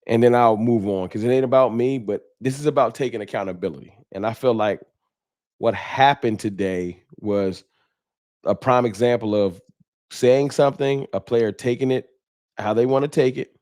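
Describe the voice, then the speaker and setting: An American livestream host who creates sports fan content reads chat and speaks to viewers in relaxed, candid, colloquial terms. His mid-range voice has a darkish tone and a moderate pace, recorded cleanly in a studio without echo.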